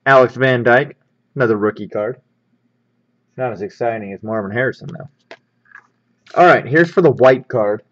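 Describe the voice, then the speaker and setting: With a mid-range voice and a moderate pace broken by long pauses, a man hosts a sports card pack-opening video. He casually talks through what he handles in an upbeat, easygoing way, recorded on a slightly dull lo-fi microphone.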